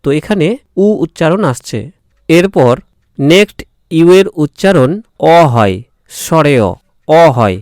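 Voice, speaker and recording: Slow, patient male English pronunciation teacher. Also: fairly high pitch, expressive, darkish tone, no room sound, studio quality. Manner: slow, repeats each word several times; spells words out letter by letter. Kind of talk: spelling-and-pronunciation lesson.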